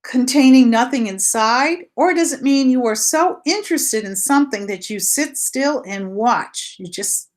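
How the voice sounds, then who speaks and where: Her voice is high-pitched and expressive, unhurried and with few pauses, as this woman teacher conducts a read-aloud lesson for little kids, keeping explanations simple, repeating points, and answering her own questions.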